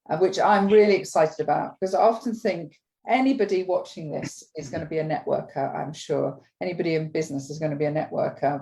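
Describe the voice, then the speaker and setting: Woman host, lowish warm voice, eager but halting with lots of ums, business chat. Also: poor audio. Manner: enthusiastic, hesitant with many ums.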